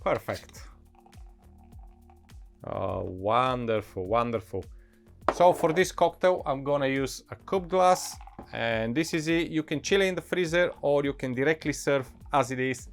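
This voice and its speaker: Male bartender, non-native English accent, slightly high voice, casual tutorial delivery, enthusiastic, music behind. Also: normal speed. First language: not English. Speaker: bartender presenting cocktail recipes. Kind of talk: instructional cocktail tutorial, casual. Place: indoor bar set, behind counter.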